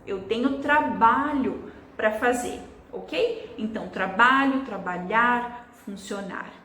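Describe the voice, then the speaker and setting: A woman's voice: on the high side, slow, bright, forceful tone, roomy sound, slight background noise. A Brazilian woman teaching English online, explaining step by step and checking in with her listeners.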